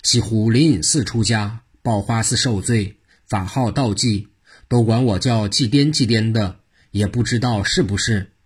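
Male storyteller as teasing mad monk, low and husky, plays the fool. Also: unhurried. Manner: teasing, cheeky, playing the fool. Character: eccentric mocking mad old monk.

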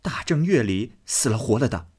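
A man's voice: mid-range voice, big pitch swings, moderate pace, slightly rough, pitched above the performer's own voice. A man voicing a coaxing, teasing young nobleman in a storybook reading, pleading and placating.

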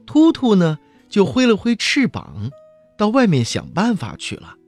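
Guy reading kids a storybook, super lively, soft guitar behind. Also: high voice, a little slow. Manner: animated, expressive storytelling with exclamations. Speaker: children's storyteller. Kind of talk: reading a picture book aloud.

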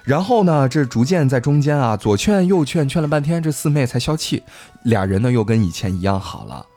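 A storytelling podcast host retells an old folk tale casually, playfully throwing in jokes and banter-filled asides. His mid-range voice is expressive, brisk and warm, with faint music in the background.

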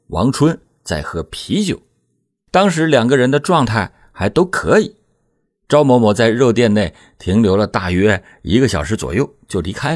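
A man hosting and narrating a scripted true crime program in a measured, suspenseful storytelling manner. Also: mid-range voice, no echo, studio quality.

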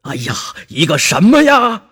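A stern, quick-tempered commander, as a male storyteller acts him out, barks his words in a husky voice. His pitch jumps about lively with impatience. A storybook figure of authority. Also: long reverb tail, exaggerated voice. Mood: stern, agitated. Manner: barking, exclamatory. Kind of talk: children's storybook acting.

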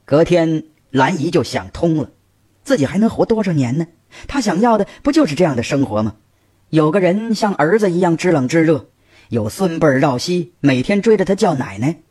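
A man narrating a family story, lively, raising his voice for the characters he quotes. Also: a little high, husky. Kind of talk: scripted narration with acted dialogue.

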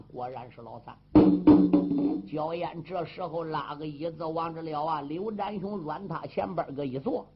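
A man performing traditional Chinese storytelling in an animated, sing-song dramatic delivery. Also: on the high side. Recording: dull lo-fi recording with faint hiss.

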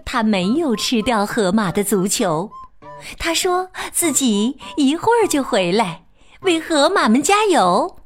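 Slow, high-voiced woman storyteller. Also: faint music behind. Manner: slow, expressive and sing-song. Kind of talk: children's picture-book read-aloud.

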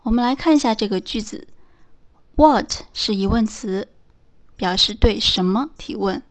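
Higher-voiced woman teaching English. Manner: slow, clearly spelled-out English example phrases. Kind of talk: scripted lesson narration.

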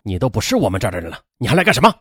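A man's voice: on the low side, huge pitch swings, a little slow, warm tone, slightly rough, no echo, clean studio sound, pitched below the performer's own voice, full character voice. Man doing a sneering, arrogant boss. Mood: impatient.

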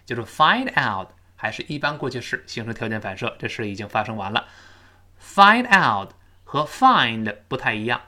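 A man who is a native Chinese speaker, teaching English pronunciation, explaining sounds in detail and slowing way down on model sentences for students to repeat. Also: mid-range voice, bright, forceful tone. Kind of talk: spoken English lesson with repeat-after-me drills.

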